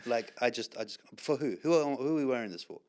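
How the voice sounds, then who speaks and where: A man's voice: mid-range voice, quick pace, darkish tone. A man speaking as a podcast guest, wry and blunt, joking and saying "bro" a lot. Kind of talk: casual podcast chat.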